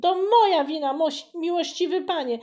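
A woman voicing a young kitchen boy in a storybook reading, calling out in high, breathless exclamations. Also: big pitch swings, measured pace, dark tone, full character voice. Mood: flustered.

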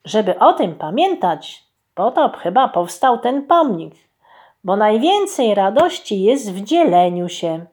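A woman narrates a fairy tale for children, taking her time over every phrase. Her pitch rises and falls widely, giving the telling a lively, sing-song shape. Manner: expressive, unhurried, addressing children. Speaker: storyteller.

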